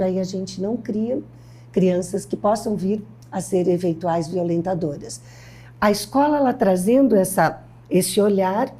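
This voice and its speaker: Brief: older Brazilian woman, interview guest, husky and mellow, emphatic storyteller who acts out quotes. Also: medium pitch. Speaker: guest educator. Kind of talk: interview conversation.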